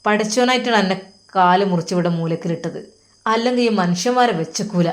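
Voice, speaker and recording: A woman's voice: mid-range voice, brisk, natural voice. Woman voicing a snooty bossy old mother-in-law, malappuram accent, storybook tale. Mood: scornful. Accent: Malappuram Malayalam. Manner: scornful and bossy. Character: arrogant, harsh older mother-in-law with a broken leg.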